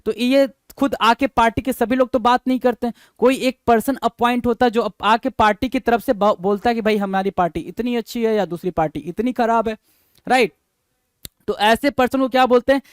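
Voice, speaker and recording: A man's voice: very high voice, a little fast, clear, resonant tone, no echo. A man teaching an exam-prep vocabulary lesson, repeating each word, spelling it out letter by letter and checking in with students through rhetorical questions.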